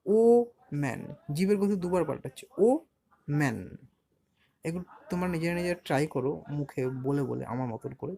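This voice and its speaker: A man teaching a beginner language lesson, patiently explaining, spelling words out letter by letter and slowly stretching syllables. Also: fairly high pitch, gravelly. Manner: patient, explanatory, asks and answers his own questions.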